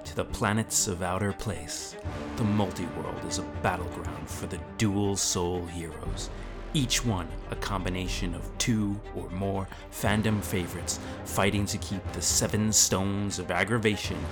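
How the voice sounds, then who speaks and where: Brief: male fantasy narrator, low, dramatic, with music behind. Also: fairly even intonation, measured pace. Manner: dramatic, storytelling. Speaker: writer and narrator.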